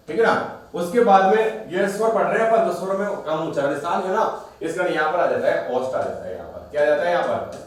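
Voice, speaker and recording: A man with a somewhat high voice teaches grammar, asking himself questions and then answering them. He sounds set back from the mic in a strongly echoing room. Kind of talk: classroom-style recorded lesson. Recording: very echoey room, voice from a distance.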